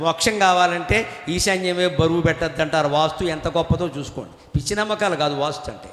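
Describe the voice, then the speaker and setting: A man delivers a spiritual discourse with a high voice and an animated, teasing manner, sometimes chanting verses. His voice carries a long, echoing reverb, as in a large hall. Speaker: spiritual lecturer. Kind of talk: Telugu religious discourse. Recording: echoey hall.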